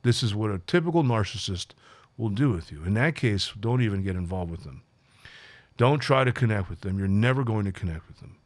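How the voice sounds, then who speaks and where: A man's voice: on the low side, lively intonation, a little fast, no room sound. A man who works as a life coach, talking casually and reflectively to his audience, with frequent fillers and restarts. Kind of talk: solo talk to camera.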